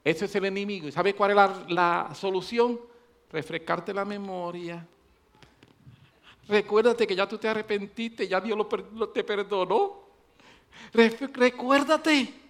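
A pastor preaching a sermon, swinging between loud emphatic stretches and low quiet ones, repeating phrases for emphasis. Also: male voice, unhurried.

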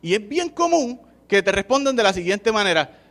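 Man, Puerto Rican accent, high voice, casual preaching, keeps checking in with the listeners. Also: big pitch swings, normal speed, a bit bright. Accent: Puerto Rican Spanish. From Puerto Rico. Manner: conversational, keeps asking the listeners "¿verdad?". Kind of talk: informal sermon with a story.

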